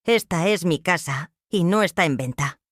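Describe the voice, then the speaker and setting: An older woman telling her own story in a measured, emotional first-person narration. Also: lowish voice, lively intonation, dry recording, studio quality.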